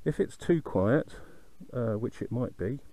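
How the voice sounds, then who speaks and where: A man's voice: medium pitch, lively intonation, unhurried, no room sound. A man giving casual commentary while riding, speaking into a microphone inside his motorbike helmet, as over a helmet intercom. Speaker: motorcycle vlogger. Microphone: foam-covered microphone in helmet cheek pad. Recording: loud wind, engine and road noise.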